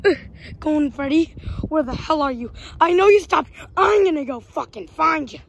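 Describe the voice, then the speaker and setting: A woman's voice: high-pitched, expressive, moderate pace, dull audio, slight background noise. A woman voicing a hot-tempered male animatronic fox plush in a toy skit, talking brashly and cursing. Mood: angry.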